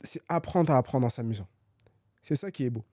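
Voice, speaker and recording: Energetic man with a mellow voice. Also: mid-range voice, brisk, no room sound, studio quality. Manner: energetic, many fillers and restarts. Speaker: guest author. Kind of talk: conversational podcast dialogue.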